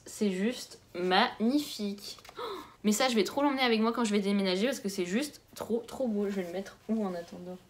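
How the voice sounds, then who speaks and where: A woman's voice: medium pitch, normal speed. Gushing young Frenchwoman unboxing books. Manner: gushing, exclamatory; muttering softly to herself between items. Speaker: book vlogger. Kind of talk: casual unboxing chat.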